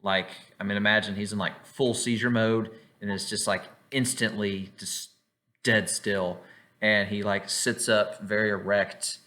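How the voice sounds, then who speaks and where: A man's voice: fairly low pitch, flat delivery, a little slow, bright, forceful tone. A man narrating as game master of a tabletop game, rambling with many "like"s and "uh"s. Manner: rambling, full of "like" and "uh".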